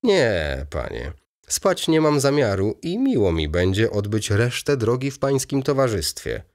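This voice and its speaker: A man's voice: mid-range voice, big pitch swings, a little slow, pitched above the performer's own voice. A man reading an audiobook voices a weary, brooding middle-aged merchant with restrained, terse replies.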